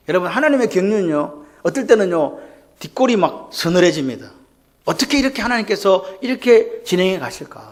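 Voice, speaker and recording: High-pitched, animated male pastor preaching. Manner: rhetorical questions and call-and-response to the congregation. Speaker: senior pastor. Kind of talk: Sunday morning sermon.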